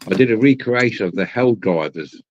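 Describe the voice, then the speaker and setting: Casting: deep-voiced male, rambling casual talker who repeats himself; dull, lo-fi audio. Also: expressive, fairly quick. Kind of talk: casual chat.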